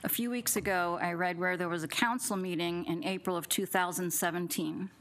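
A middle-aged resident stands at a city council podium and speaks into the gooseneck mic during public comment. Her voice is fairly low, fairly even, fairly quick and a bit bright, and her pointed remarks, partly read from notes, are full of questions.

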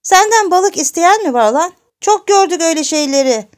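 A woman voicing a hard-of-hearing eighty-year-old great-grandmother who scolds and grumbles in a high, strained voice. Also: expressive, a little slow, clean tone. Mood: angry scolding.

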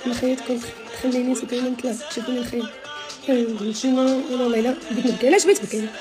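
A social media personality in her thirties with a Moroccan Arabic accent chats animatedly with followers on a phone live stream from a small room, the phone held at arm's length. Her voice is a little high and very fast, emphatic, and she gestures a lot. Music plays behind her and the recording quality is low.

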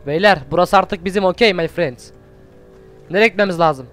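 A man hosting a let's play, commenting excitedly as he plays, swearing at enemies and coaxing his pet wolf along. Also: high-pitched, moderate pace, faint music behind. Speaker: gaming channel host.

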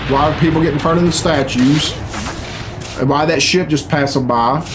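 Speaking at normal speed in a voice on the high side, the middle-aged reaction video host comments from a small room at home over background noise and game cutscene music. His off-the-cuff remarks are blunt, sweary and bemused.

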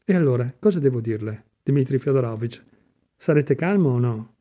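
A man's voice: mid-range voice, expressive, moderate pace, highs cut off, natural voice. A man voicing a kind-hearted older police chief in a storybook reading, earnest and coaxing. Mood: earnest fatherly.

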